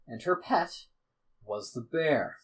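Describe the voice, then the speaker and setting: A man's voice: fairly high pitch, lively intonation, takes it slowly, husky, rough recording. A young man casually recapping a tabletop game session on a podcast, rambling and swearing, with frequent restarts. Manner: rambling, profane, restarts often; acts out characters' lines in snippets.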